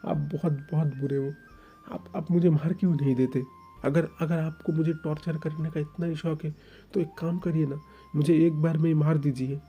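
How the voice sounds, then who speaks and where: A man's voice: a little high, flat delivery, moderate pace, muffled recording, faint music behind, pitched above the performer's own voice, lightly acted. Guy putting on a crying young man, voice pushed up, stuttering every other word. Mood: sobbing. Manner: stammering, tearful, repeats words. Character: young man sobbing, hurt and pleading.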